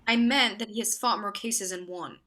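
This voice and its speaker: Lightly acted at normal speed, this medium-pitched, sharp-toned performance comes from an actress in a staged reading. She plays a worried, sharp-tongued girlfriend whose tense lines come out curt, insistent, and pointed.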